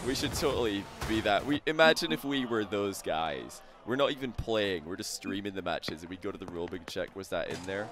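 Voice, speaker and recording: A man's voice: fairly low pitch, animated, a little fast, hardly any pauses. Playful male esports caster, game music. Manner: playful, joking, laughs often. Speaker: esports commentator. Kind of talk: live game commentary.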